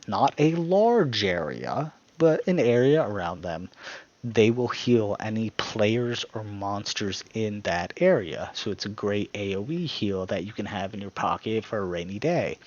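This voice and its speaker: Male gaming guide voice, lowish pitch, slightly muffled recording, casual and meandering. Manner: rambling, self-correcting, breaks into laughter at his own jokes. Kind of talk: casual gameplay tutorial.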